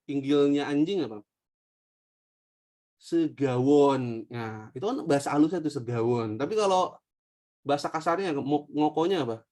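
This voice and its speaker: A man's voice: a little high, expressive, a little fast, darkish tone. A young man giving a casual online history lesson. He jokes with the class, poses questions and answers them himself, and speaks with a slang flavor. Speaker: teacher.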